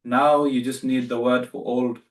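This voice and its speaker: A man's voice: mid-range voice, level tone, moderate pace, roomy sound, recorded from a distance. A man teaching beginner Arabic in a live online class, patient and repeating himself as he corrects students.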